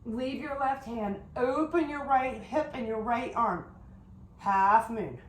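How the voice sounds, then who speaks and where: With a slightly high voice and a slow pace, this woman instructs a yoga flow class in an echoey room with slight background noise. Her pose cues are calm and directive, and she occasionally sounds out of breath while moving.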